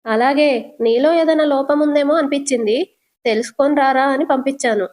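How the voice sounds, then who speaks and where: A woman's voice: high voice, normal speed, darkish tone, pitched above the performer's own voice, close to an everyday voice. A woman voicing a smug, manipulative middle-aged father who speaks in a coaxing, sly way. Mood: scheming.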